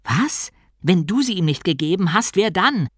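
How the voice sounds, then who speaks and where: A woman's voice: fairly low pitch, big pitch swings, moderate pace, husky, no room sound, studio quality, pitched above the performer's own voice. A woman voicing an earnest, naive young male novice monk who stammers when shocked, in an audiobook. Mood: puzzled. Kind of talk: audiobook character voice.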